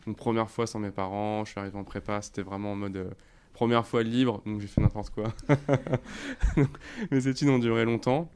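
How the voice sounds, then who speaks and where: A man in his thirties from Côte d'Ivoire, co-founder of a sneaker brand, chats casually and relaxed in an interview, full of fillers and restarts. His voice is lowish and clean in tone, with a moderate pace.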